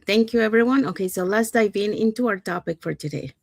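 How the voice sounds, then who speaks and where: A woman's voice: medium pitch, quick pace, vocal fry, dry recording, studio quality. A woman from Panama hosting a live online panel talk in an upbeat way, often linking her thoughts with "so" and "you know," over a video call. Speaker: host.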